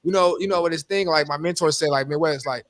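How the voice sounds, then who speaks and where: Fast-talking young man rambling on a podcast. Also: fairly high pitch. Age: 20s. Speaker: podcast host. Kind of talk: casual podcast chat.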